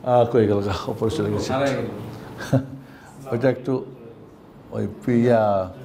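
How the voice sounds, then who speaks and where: Slow-drilling Bangladeshi man teaching recitation. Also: medium pitch, steady tone, a crowd in the background. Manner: slow call-and-repeat drilling of Arabic sounds. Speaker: Quran reading teacher. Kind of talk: online class, drilled recitation.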